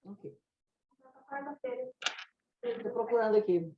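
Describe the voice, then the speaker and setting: A woman's voice: mid-range voice, slow pace, slight background noise. Brazilian lady explaining dubbing scripts, chatty, echoey room, kinda muffled sound. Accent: Brazilian Portuguese. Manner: chatty, explanatory, laughs at own anecdotes. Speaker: dubbing translation teacher. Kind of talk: informal online lesson. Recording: roomy, dull lo-fi sound.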